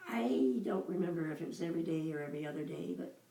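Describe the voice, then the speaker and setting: A woman in her seventies recalling her childhood for her child, telling it slowly with pauses. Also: low-pitched, expressive, creaky, warm tone. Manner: unhurried storytelling with pauses. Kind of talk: casual reminiscing. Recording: roomy echo, voice from a distance.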